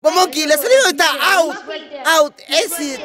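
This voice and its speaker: High-voiced excitable man gaming. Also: moderate pace, a crowd in the background. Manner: excitable, laughs often, shouts at the game. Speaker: gamer. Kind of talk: casual gameplay commentary.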